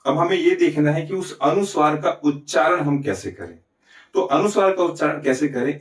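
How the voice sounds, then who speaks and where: A man teaching a Hindi grammar lesson with a Chhattisgarh accent, explaining step by step and answering his own questions. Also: on the high side. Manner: often adds "ठीक है?" and "है ना?" to check understanding. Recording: echoey room, recorded from a distance.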